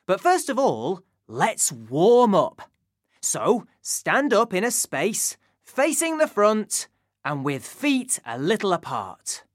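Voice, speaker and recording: A woman's voice: mid-range voice, big pitch swings, slow pace, no room sound. A woman presenting a school radio singing lesson, giving sing-song instructions to children. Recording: dry studio sound.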